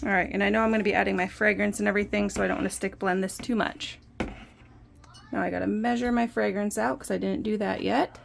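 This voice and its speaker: A young woman in a relaxed how-to vlog, talking through her work step by step in a chatty, self-deprecating way. Her mid-pitched voice often drops into a gravelly fry. She sounds close to a phone propped on a windowsill indoors at home. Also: fast talker, slight background noise. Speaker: soap maker and channel host.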